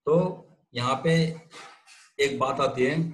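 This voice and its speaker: A man's voice: mid-range voice, takes it slowly, poor audio. Man lecturing, quizzing his class. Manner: asks questions and answers them himself, repeating key terms; checks in with frequent "theek hai?". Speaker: telecom instructor.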